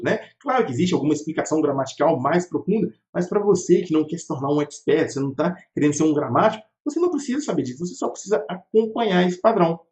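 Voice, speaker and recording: A man from Brazil teaching an informal online English lesson. He keeps checking in with his listeners and slows down to model each English phrase. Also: fairly high pitch. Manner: lively, repeats "tá?" as a check-in. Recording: roomy, slightly dull livestream audio.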